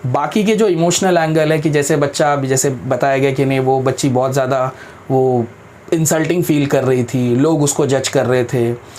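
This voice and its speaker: A man's voice: mid-range voice, steady tone, normal speed, a little mellow, a little hiss or hum. A man talking in an interview, explaining in a firm, practical way, mixing in English phrases and respectfully calling the interviewer sir. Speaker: guest speaker on careers.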